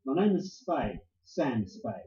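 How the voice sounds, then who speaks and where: A man's voice: medium pitch, very animated, slow pace, warm tone, a little hiss or hum. Sam Spade, a man playing a wisecracking private eye. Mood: wry narration. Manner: dry, sardonic, clipped tough-guy talk. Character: hard-boiled, wisecracking male private detective. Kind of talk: 1940s radio acting and narration. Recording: roomy, dull lo-fi recording.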